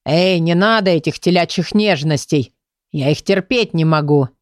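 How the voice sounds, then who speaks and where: A jealous, touchy talking book, male and grumpy, as a woman reader puts him on. He grumbles in a lowish voice, close and dry, like a storybook creature that hates fuss. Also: normal speed, no echo, close to an everyday voice.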